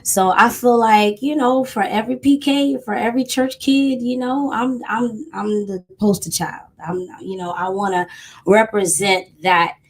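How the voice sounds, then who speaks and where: A woman's voice: a little high, measured pace. Exuberant woman singer from New Jersey. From Newark, New Jersey. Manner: playful, exuberant, animated. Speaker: guest singer. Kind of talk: casual chat.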